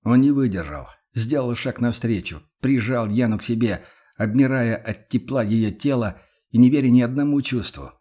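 Man, audiobook narrator, measured, dramatic, husky. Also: mid-range voice, mellow. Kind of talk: scripted narration.

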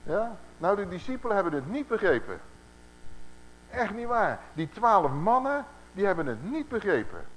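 A man preaching a conversational Bible-teaching sermon to a gathered congregation, animated and full of rhetorical questions to his listeners. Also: high voice, normal speed, poor audio.

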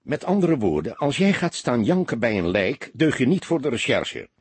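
Voicing a gruff, husky-voiced veteran inspector of few words, a man calmly lectures the character's young partner. The tone is stern, at medium pitch and a moderate pace, with no echo.

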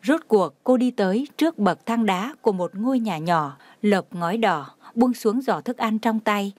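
A woman reading a story aloud in a steady, even narration. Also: mid-range voice, moderate pace, no echo.

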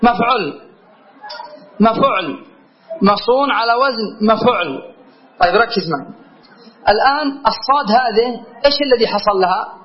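A man teaching a grammar lesson, asking his students questions and repeating key words. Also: very high-pitched. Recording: dull lo-fi lecture recording.

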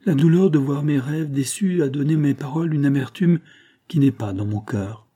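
A man's voice: fairly high pitch, normal speed, warm tone, breathy edge, voice pushed up. A man voicing an anxious, tearful older mother in an audiobook reading, speaking in a pleading, emotional way. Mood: distraught.

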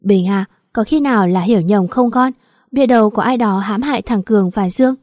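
A woman doing an anxious older mother, caring but sharp-tongued, scolding her sons in a dry, close storybook reading. her voice sits at a middling pitch. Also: a little fast, no room sound, natural voice. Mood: coaxing. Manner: scolding, then soothing.

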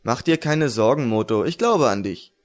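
A man's voice: mid-range voice, animated, moderate pace, voice pushed down, natural voice. A man voicing a confident, reassuring young male sword mage in a fantasy audiobook. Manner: reassuring, joking.

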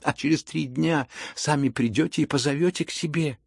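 A man voicing a meek, gentle young prince in an audiobook, who talks softly and hesitantly, with a husky voice. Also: a little high, fairly quick, dry recording, clean studio sound, voice pushed up. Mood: earnest. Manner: soft, hesitant and earnest. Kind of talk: audiobook character reading.

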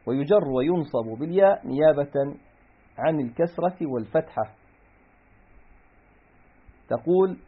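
A man's voice: mid-range voice, slightly rough. A man giving a grammar lesson, reading a classical text aloud and then parsing examples step by step. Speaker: grammar teacher. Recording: tinny phone-like recording.

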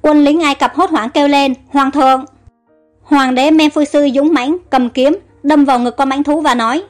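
A woman narrates a story in an even, matter-of-fact way. Her voice sits high. A faint music bed plays underneath.

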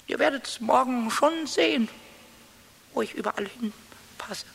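Pumuckl, creaky-voiced little kobold. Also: male voice, very high-pitched, a little slow, a bit bright, heavily acted. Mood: wistful, defiant. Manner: childish, repeats words, sighs and exclaims. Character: cheeky little kobold, childish, easily offended, defiant. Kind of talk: 1970s children's radio play acting. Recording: faint hiss, 1970s radio recording.

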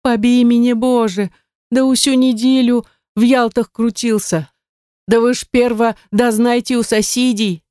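A female narrator puts on a beaten old man from the south who cries out for help, his voice pushed up high. He is thin and desperate, and he drags his words out slowly, as in a storybook read aloud. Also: level tone, a little mellow, clean tone, dry recording, clean studio sound. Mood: pleading. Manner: wailing, pleading. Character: frightened old man pleading for his life.

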